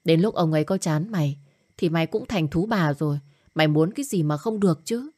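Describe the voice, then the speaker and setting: A woman voicing a young woman who is the blunt, worried best friend, talking fast and scolding. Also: deep voice, animated, darkish tone.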